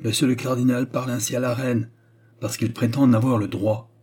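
A haughty queen in a storybook reading, her voice pushed high and ringing with contempt, as a male reader puts her on. Underneath, the tone stays husky and mellow. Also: little pitch movement, a little fast, close to an everyday voice. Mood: indignant. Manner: haughty, scornful, vehement. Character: proud furious woman queen. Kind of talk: audiobook character reading.

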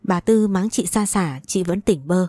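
A woman narrator reads the storybook at a steady, even pace. Her voice is low and mellow. It is recorded close and dry. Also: measured pace, no echo.

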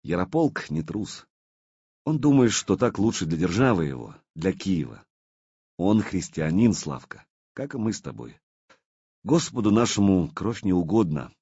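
A man's voice: low-pitched, big pitch swings, unhurried, warm tone, slightly rough, dry recording, lo-fi sound, heavily acted. A man voicing a firm, principled young warrior in an audiobook. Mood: calm. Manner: firm, reproachful. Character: stern loyal young male warrior.

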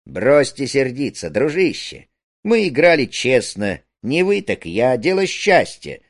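A man's voice: mid-range voice, big pitch swings, unhurried, no room sound, studio quality. A man reading a play aloud, voicing a jaunty dandy who talks in a sing-song way. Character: dandy Rudik, jaunty then panicky.

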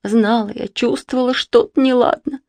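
A woman's voice: mid-range voice, animated, normal speed, a little mellow, no room sound, pitched above the performer's own voice. A woman voicing a worried mother who frets and scolds over her truant son, in a storybook reading. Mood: fretful. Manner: fretful, scolding, lamenting. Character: anxious mother of a truant boy.

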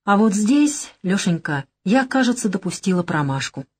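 A woman's voice: mid-range voice, very animated, moderate pace, darkish tone, breathy edge. A woman reading an audiobook, voicing a sly, teasing young woman who is a gangster's girlfriend. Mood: coaxing.

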